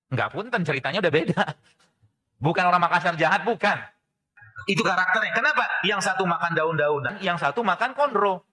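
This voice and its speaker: A man preaching a lively sermon to a congregation, often asking questions and answering them himself, sometimes slipping in English phrases. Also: on the high side. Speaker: preacher and physician giving a religious health talk.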